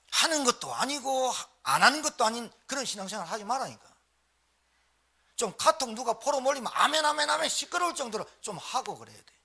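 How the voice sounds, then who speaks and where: Man preaching, high voice, bright tone, repeated short urgent calls, husky edge. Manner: exhorting, repetitive, calls for congregation response. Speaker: pastor. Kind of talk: sermon. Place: church sanctuary, live service.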